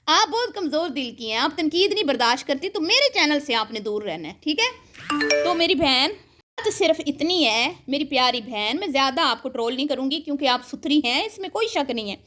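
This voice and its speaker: A woman's voice: high-pitched, big pitch swings, bright, forceful tone. A woman giving sarcastic, scolding reaction commentary and calling the viewer her sister. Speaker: online commentator reacting to other creators.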